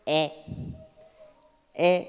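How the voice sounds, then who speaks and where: A man voicing cheeky little boys in a live shadow-puppet show, with a childish, sing-song way of talking back to their father. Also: natural voice. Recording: echoey hall, live show.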